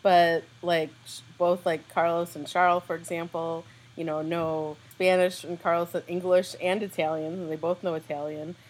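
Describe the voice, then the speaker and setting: A woman's voice: on the low side, level tone, normal speed, hardly any pauses. A young American woman co-hosting a podcast, chatting casually and rambling with lots of fillers. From United States. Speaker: podcast co-host. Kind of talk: casual chat.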